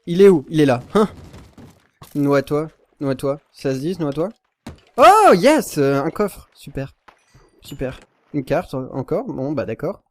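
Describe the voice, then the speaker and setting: A young Minecraft YouTuber with a fairly high, dark-toned voice talks at a measured pace while playing his game. His casual commentary rambles and corrects itself, punctuated by sudden panicked yelps.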